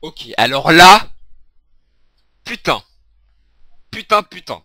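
A young man commentating his own gameplay, swearing, shouting at the game, laughing and half-singing to himself. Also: on the high side, big pitch swings, slow pace. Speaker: gaming video creator.

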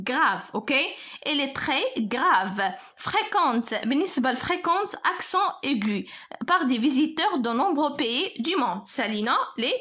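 Woman, Moroccan accent, high-pitched, patient teacher, spells words out slowly. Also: fairly bright tone. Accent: Moroccan Arabic. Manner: slow, careful dictation of French words. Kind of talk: French spelling lesson explained in Darija.

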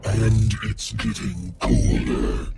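A man voicing a sinister, hungry shadow monster in a video game, with a gravelly, theatrical, threatening delivery. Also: fairly low pitch, sing-song, takes it slowly, loud music behind the voice, full character voice. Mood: cold menace. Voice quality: gravelly, creaky.

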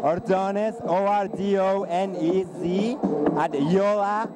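A man's voice: high voice, fairly even intonation, slow pace, heavy background noise. A man in his thirties giving effusive, gushing red carpet chatter as an interview guest on a handheld microphone. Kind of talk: excited red carpet chat. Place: crowded indoor event red carpet. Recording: loud music over event interview. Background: loud music.

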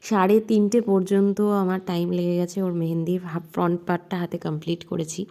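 Dark-voiced young woman narrating a vlog. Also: lowish voice, flat delivery, brisk. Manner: chatty, mixes in English words. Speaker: vlogger narrating her friend's wedding. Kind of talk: casual voice-over narration.

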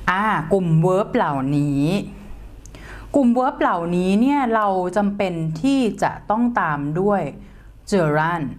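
A young woman teaching English grammar to students, explaining slowly and patiently and spelling words out letter by letter. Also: on the low side. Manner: spells words letter by letter, calls listeners "friends".

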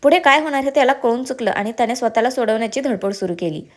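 A woman narrating a serialized family drama story with expressive storytelling. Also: a little high, fast talker.

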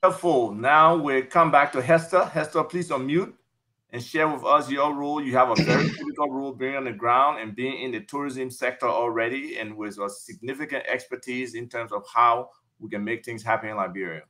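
A man's voice: mid-range voice, a little fast, bright, forceful tone. A man moderating a video call panel, upbeat and coaxing guests to unmute.

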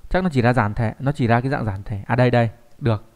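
A man teaches kanji in an online lesson. His pitch sits in the middle range. He keeps checking in with the class through rhetorical questions as he explains. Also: quick pace, darkish tone.

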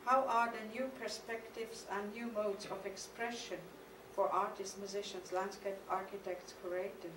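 A middle-aged woman with a German accent and a medium-pitched, fairly even voice reads a partly poetic, prepared lecture from a podium on the stage of a mid-sized studio hall. She is an artist speaking at a conference, and her reading is measured and reflective, with some hesitations. The podium mic on a stand picks her up, but the echoey hall and background noise are heard from the camera's distance.

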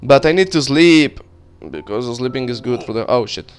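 This young Colombian gaming video creator, whose first language is Spanish, chats his way through his gameplay, rambling and often restarting. He sounds animated, with a clear, resonant, medium-pitched voice at a normal speed.

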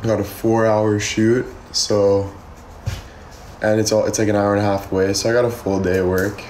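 A man in his early twenties casually chatting on a livestream, reading and answering viewer comments in a relaxed, rambling way, recorded close on a phone. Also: on the low side, normal speed, a little hiss or hum, poor audio. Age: 20s. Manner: relaxed, rambling, answers chat questions aloud. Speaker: livestream host. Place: small bedroom indoors. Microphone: phone held close, front camera.

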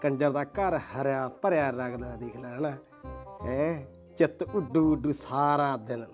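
An actor playing a lonely bachelor in a comedy sketch, musing dreamily about having a wife. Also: male voice, medium pitch, measured pace, a little mellow, faint music behind, lightly acted. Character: lonely wistful bachelor man longing for a wife.

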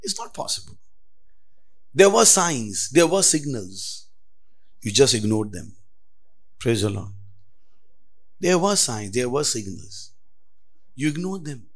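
A man's voice: mid-range voice, slow pace, pauses often. A man preaching a sermon in church, emphatic and repetitive, calling out to the congregation for responses. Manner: emphatic, repeats phrases, lively rises and drops. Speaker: pastor.

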